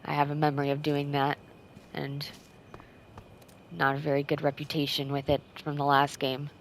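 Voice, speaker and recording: Low-voiced woman doing gameplay commentary. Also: completely flat delivery, moderate pace, slight background noise, low-quality recording. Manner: opinionated, chatty asides. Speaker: gamer, let's-player.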